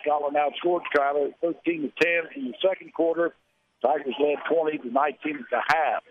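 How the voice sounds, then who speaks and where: Higher-pitched American sportscaster, thin radio sound. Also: male voice, fairly even intonation, a little fast, slight background noise. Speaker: play-by-play sports radio host. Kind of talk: live sports commentary, reading scores and statistics. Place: live from a high school tournament. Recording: thin narrow-band radio broadcast sound.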